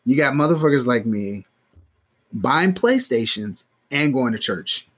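A man's voice: mid-range voice, measured pace, husky. A man co-hosting a podcast, telling stories in casual chat, swearing freely and acting out quotes. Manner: animated storyteller, swears freely, acts out quotes. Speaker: podcast co-host.

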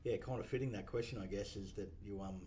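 A man's voice: on the low side, steady tone, fast talker, dark tone, slight background noise. A man, a dealership boss, chatting reflectively on a podcast with lots of ums and restarts. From Australia. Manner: reflective, many fillers and restarts. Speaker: podcast guest, car dealership principal. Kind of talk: casual podcast chat.

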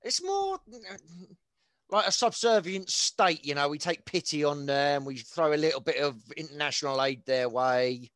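A man adds dry, joking banter to a casual chat. His voice is a bit high and very lively in pitch. The sound is dry, with no room echo. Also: normal speed.

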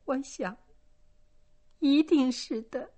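A woman's voice: high voice, slow pace, dark tone, voice pushed up. A woman voicing a timid young farm girl who whimpers and stammers through tears. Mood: stammering. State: crying.

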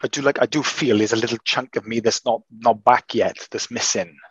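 A man's voice: mid-range voice, steady tone, breathy edge, no room sound. Hesitant man, dull dry sound. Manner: hesitant, halting with many restarts. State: recovering from illness, voice changed. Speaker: podcast host. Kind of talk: casual chat.

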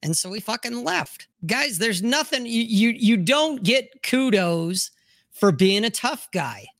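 A man's voice: high voice, big pitch swings, measured pace, fairly bright tone, no room sound, clean studio sound. A man hosting a casual talk stream, telling a story with profanity and acting out what people said. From Utah. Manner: storytelling, profane, acts out quotes. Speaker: podcast host. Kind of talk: casual chat.

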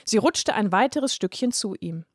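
A woman narrating a children's story with a clear, even read-aloud delivery. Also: medium pitch, moderate pace, no room sound, studio quality.

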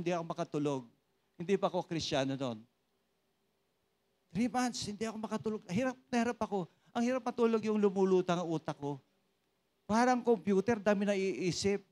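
A man preaching a sermon and telling his own testimony, joking with the congregation and switching between Tagalog and English. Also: high voice. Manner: animated, joking with the congregation, asks for raised hands.

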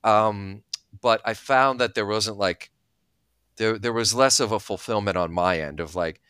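A man's voice: lowish voice, measured pace, fairly bright tone, clean tone, no room sound, studio quality. A man in his thirties, originally from Bulgaria, talking candidly as an interview guest. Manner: thoughtful, candid, many fillers. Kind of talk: casual interview talk.

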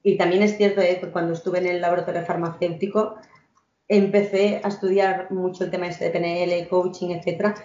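A woman in her thirties from Catalonia, a guest telling her story in a relaxed interview, reflective and full of small restarts. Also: fairly low pitch, a little fast. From Catalonia, Spain. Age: 30s. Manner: warm, reflective, many fillers and restarts. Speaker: guest, entrepreneur. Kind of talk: conversational interview. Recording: roomy, dull lo-fi sound.

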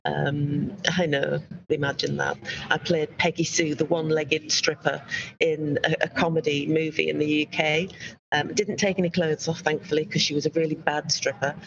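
A chatty Yorkshire woman with a gravelly, creaky edge to her voice tells stories as an interview guest. Her audio comes through dull and lo-fi, with a faint hiss behind it. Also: low-pitched, flat delivery, moderate pace. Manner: chatty, upbeat storyteller. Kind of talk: casual interview chat.

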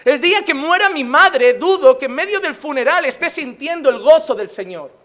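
A man's voice: very high-pitched, animated, normal speed, fairly bright tone. A man preaching a sermon as a pastor, impassioned and emphatic, with touches of humor.

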